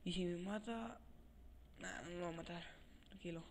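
A man giving let's play commentary at home, excitable, swearing often and talking to himself as he plays, his voice a bit quiet on a cheap desk mic. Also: high-pitched, normal speed, a little hiss or hum. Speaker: gaming channel host. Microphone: cheap desk mic without a stand, voice comes out quiet.

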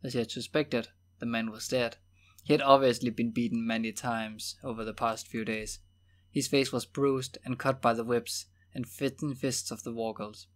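A man's voice: medium pitch, steady tone, normal speed. Man reading an audiobook steadily. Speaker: audiobook reader. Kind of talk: audiobook narration.

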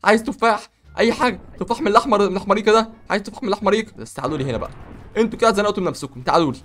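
A young Egyptian man excitedly narrating a game role-play, bossy with sudden loud outbursts. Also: high-pitched, rapid-fire. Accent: Egyptian Arabic. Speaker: gaming YouTuber.

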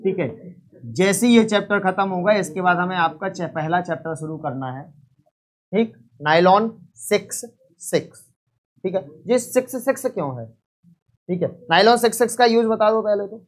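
A man's voice: high-pitched, moderate pace. Man teaching live class. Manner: repeats points, asks students questions. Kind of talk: live online lecture.

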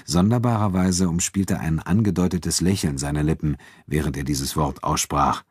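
Very deep-voiced male audiobook narrator. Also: steady tone, moderate pace, a little mellow, husky, no room sound, studio quality.

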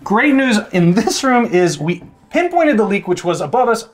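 A man's voice: high voice, sing-song, moderate pace, soft background music. Man, 30s, house-flip host; casual, explanatory walkthrough, lapel mic in a renovation site. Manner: easygoing, explanatory. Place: house under renovation, indoors.

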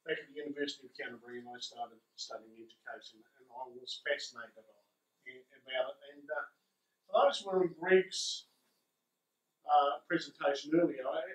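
An older man with a broad New Zealand accent gives an informal, conversational conference talk with a self-deprecating manner. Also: fairly high pitch. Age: older, around 60s. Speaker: conference speaker, school principal. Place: indoor conference room, standing before a small audience. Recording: roomy, echoing conference room.

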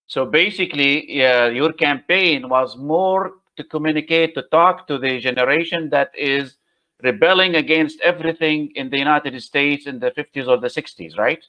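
Man asking halting questions on a dull line. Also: on the high side. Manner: halting questions with repeated words. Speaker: host. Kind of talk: interview questions. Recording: dull lo-fi sound.

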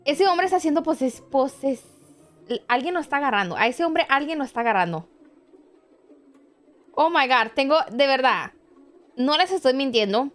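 Young woman, high voice, animated chatty reaction host, jumpy exclamations, faint music behind. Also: normal speed, pauses often. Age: 20s. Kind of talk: casual reaction commentary.

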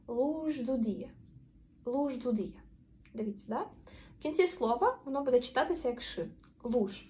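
A woman teaching a language lesson, explaining patiently and drawing out example words slowly. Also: on the high side, darkish tone, slight background noise.

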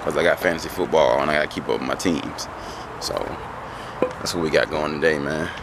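Man, young adult, casual vlog, slangy animated storytelling, noisy car recording. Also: fairly quick. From South Carolina. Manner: animated storytelling, slangy, rising pitch when indignant. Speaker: vlogger.

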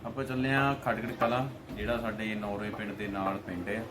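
A man's voice: on the low side, flat delivery, normal speed. A man with a Punjabi accent casually explaining things to camera like a local guide. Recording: loud background noise.

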